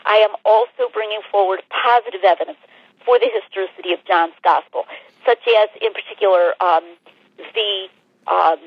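A woman speaks over the phone, her husky voice coming through a dull, narrowband line with a dry, close sound. She explains at a measured pace, pausing often with small hesitations. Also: mid-range voice, steady tone, no echo. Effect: heard over the phone. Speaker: author being interviewed. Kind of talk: careful scholarly explanation.

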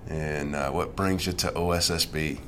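Deep-voiced man interviewing a student. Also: fairly even intonation, moderate pace, a bit bright, slight background noise. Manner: friendly, brief prompts. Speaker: school podcast host. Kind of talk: casual interview.

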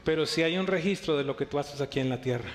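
A man's voice: on the high side, fast talker. A middle-aged male pastor preaching a sermon, emphatic, asking the church rhetorical questions.

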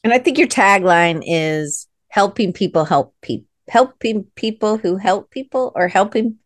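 A woman's voice: medium pitch, expressive, unhurried, no echo, clean studio sound. A woman with an American accent hosting a casual interview in an informal, rambling way. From United States. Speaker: host.

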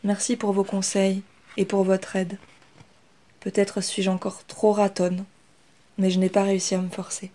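A woman voicing Inès, a young female rat who speaks calmly and with assurance. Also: medium pitch, a little slow, pauses often, lightly acted. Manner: calm, steady.

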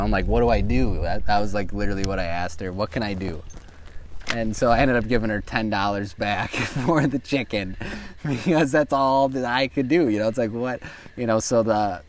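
A man's voice: fairly low pitch, slight background noise. A man who runs a tree service, telling a casual, rambling story from a boat on the river, full of "like" and "you know.".

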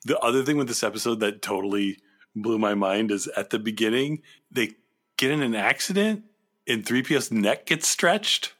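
A man's voice: mid-range voice, lively intonation, moderate pace, fairly bright tone. A man co-hosting a casual discussion show, chatting in a conversational way. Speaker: podcast host. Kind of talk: casual chat, pop-culture discussion.

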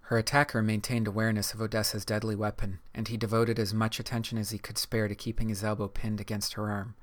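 A man giving a measured, even scripted reading of an audiobook. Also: fairly low pitch. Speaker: audiobook narrator. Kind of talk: scripted narration.

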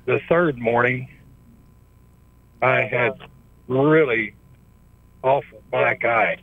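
A man speaks over a tinny phone line, his voice slow and gravelly. He calls in to a radio show and stops and restarts often as he asks his question. The sound is dry and narrow. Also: medium pitch, no echo. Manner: halting, many pauses and restarts. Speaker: caller. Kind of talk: call-in question to a radio doctor.

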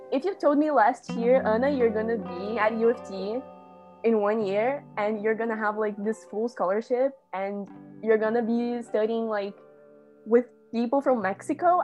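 A woman's voice: fairly high pitch, normal speed, music in the background. A young woman from Brazil, an international student chatting in an interview and filling her talk with "like". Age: young adult. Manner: chatty, leans on "like". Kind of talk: casual interview answers.

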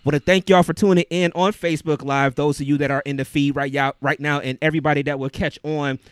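A man's voice: on the high side, fairly even intonation, fast, smooth, no room sound, clean studio sound. A man hosting a live podcast as a DJ, talking in an informal, slangy, hyped-greeting way. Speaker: podcast host and DJ.

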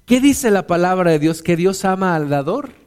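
High-voiced preacher. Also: male voice, animated, moderate pace, darkish tone, clean tone. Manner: folksy, acts out biblical figures. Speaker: pastor. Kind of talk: sermon.

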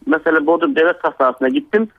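A man's voice: a little high, lively intonation, quick pace, gravelly, no room sound. A man in his forties, a teacher calling in to a radio show over a landline phone, telling his point plainly and earnestly. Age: 40s. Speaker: radio call-in listener, teacher. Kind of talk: casual call-in comment. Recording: tinny dry phone line.

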